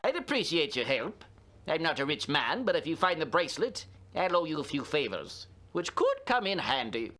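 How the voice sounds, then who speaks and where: A man's voice: on the high side, big pitch swings, normal speed, sharp tone. An actor playing a crusty, curt old male pawn shop owner in a game. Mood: gruff. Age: older. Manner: gruff and curt. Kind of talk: 1990s game voice acting.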